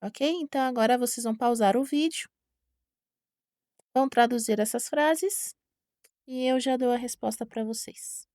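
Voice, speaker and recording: A woman's voice: a little high, darkish tone, no room sound, studio quality. A Brazilian woman teaching a Spanish lesson online, speaking patiently and repeating each word. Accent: Brazilian Portuguese. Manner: patient, repeats words slowly, checks with "tá?".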